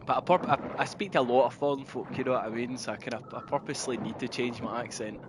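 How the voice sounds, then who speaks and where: A man's voice: mid-range voice, quick pace. Rambling man on a headset. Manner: rambling, with constant "you know what I mean". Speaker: gamer chatting during play. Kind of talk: casual chat. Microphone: gaming headset. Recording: noisy headset chat recording.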